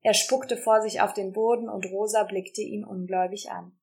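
A woman giving steady, measured storybook narration. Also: mid-range voice. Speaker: audiobook reader.

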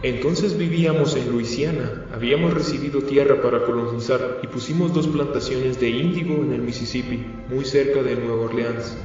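Man reading as courteous ancient vampire, male, polite and unhurried, mellow dark tone, echoey distant lo-fi audiobook. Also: mid-range voice, steady tone, natural voice. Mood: calm. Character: courteous centuries-old male vampire, calm and measured. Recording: echoey, distant, dull, faint music.

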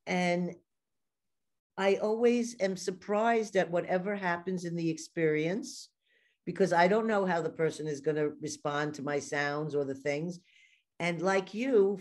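Speaking on the low side with a darkish tone, a New York woman hosts a podcast, swapping stories chattily and laughing often in a relaxed interview.

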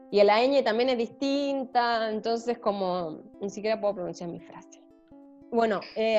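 A woman's voice: a little high, darkish tone. A Chilean woman with a Chilean accent chatting casually with friends, talkative and self-deprecating with lots of fillers. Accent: Chilean Spanish. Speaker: band member introducing herself. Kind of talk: casual group chat. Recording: slightly muffled, faint guitar music behind.

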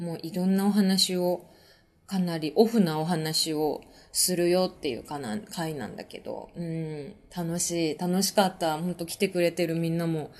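A woman hosting a casual live-stream chat with her listeners. She is relaxed and chatty, uses lots of fillers, laughs often, and reads out and answers viewer comments. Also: lowish voice. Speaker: podcast host and musician.

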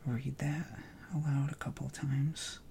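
A man leading a guided contemplative prayer session, talking softly in a hushed whisper with long pauses and relaxed, informal asides. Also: mid-range voice, vocal fry, a little hiss or hum. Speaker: prayer leader.

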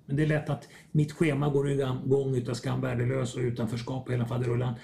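His medium-pitched voice is mellow, with vocal fry and a completely flat delivery. He is a reflective guest on a conversational podcast who often acts out little dialogues as he explains.

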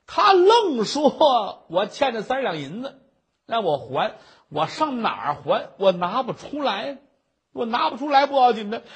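Guy doing a poor widow wailing, high raspy voice, begging and sobbing. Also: heavily acted. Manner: sobbing, pleading, drawn-out wails.

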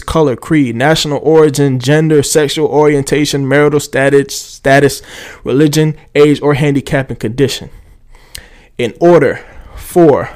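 A man's voice: a little high, darkish tone. A man hosting a casual solo motorsport podcast, rambling through the news with lots of fillers and jokey self-amused asides. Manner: rambling, laid-back, heavy on fillers like "you know what I'm saying". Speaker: podcast host. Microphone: studio podcast mic.

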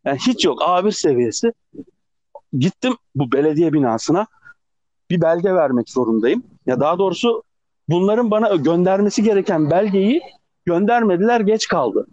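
Man, Ankara accent, high lively voice, dry lo-fi phone audio, storyteller co-host. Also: moderate pace, no echo. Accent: Turkish, Ankara. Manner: animated, acts out quoted people. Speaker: podcast co-host. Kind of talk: casual chat storytelling. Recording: dull lo-fi phone recording.

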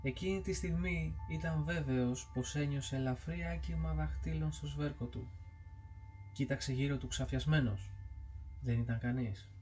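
A man narrating a ghost story from a book, reading in a steady, measured way. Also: on the high side, soft background music. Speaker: audiobook narrator.

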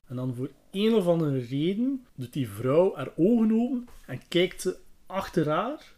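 A man's voice: on the high side, big pitch swings, unhurried, dark tone. A man casually retelling a book as a podcast host, hesitant and full of fillers. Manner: hesitant, many fillers, chatty.

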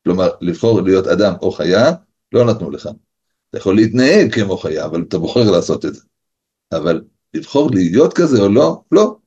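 A man's voice: sits low, very animated, mellow, breathy edge. A man, a rabbi, giving a Torah lesson over a video call, arguing by asking and answering his own questions. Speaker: rabbi teaching a class. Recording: dull lo-fi video call audio.

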